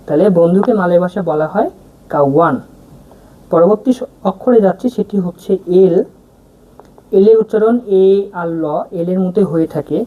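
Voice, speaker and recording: A woman's voice: fairly low pitch, normal speed, phone-quality sound. Patient woman teaching letter by letter. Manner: patient, repeats each word and meaning. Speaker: language teacher. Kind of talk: step-by-step alphabet lesson.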